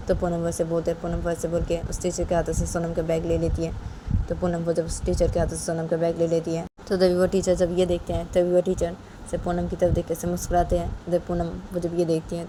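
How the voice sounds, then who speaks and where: A woman's voice: lowish voice, noisy background. A woman casually narrating a story, retelling it plainly and repetitively.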